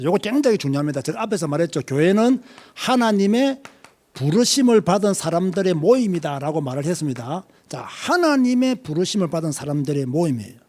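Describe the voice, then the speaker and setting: Lively Korean preacher. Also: male voice, a little high. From Korea, Busan. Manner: lively preaching, questions to the congregation. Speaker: pastor. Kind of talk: sermon.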